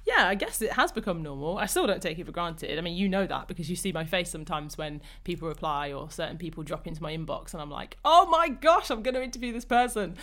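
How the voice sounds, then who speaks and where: A woman's voice: low voice, lively intonation, quick pace, few pauses, fairly bright tone. A woman hosting a podcast, talking enthusiastically and reflectively in a casual conversation. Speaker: podcast host.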